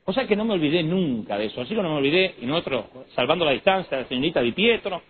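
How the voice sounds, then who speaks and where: A man's voice: fairly high pitch, fast talker. A man in his thirties with an Argentine accent, preaching a humorous, digressive sermon to a conference crowd. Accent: Argentine Spanish. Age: 30s. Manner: animated, digressive storytelling. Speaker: pastor. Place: conference hall. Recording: tinny lo-fi recording with faint noise.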